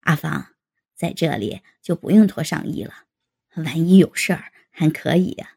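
A woman voicing an easygoing man in his forties in a read-aloud story, her voice dropped low and gravelly. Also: normal speed, full character voice. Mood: amused. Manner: laughing, relaxed. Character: 43-year-old man, easygoing businessman.

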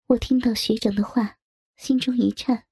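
A woman narrating a first-person audio story in a soft, intimate way over faint background music. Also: a little high, fairly even intonation, moderate pace, slightly rough, no echo, studio quality.

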